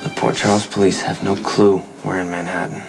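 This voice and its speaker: This is a young fugitive who reassures his nervous partner in an even, soothing voice with some gentle teasing. It is a soap opera scene with clear music underneath. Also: low voice, fairly quick. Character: young man on the run, calm and reassuring. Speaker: fugitive hiding under a false name. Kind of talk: daytime soap opera acting.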